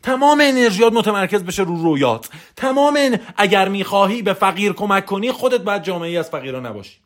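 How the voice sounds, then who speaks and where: A man's voice: sits high, sing-song. A man giving a motivational coaching talk in a voice message, emphatic and preachy, hammering points home through repetition.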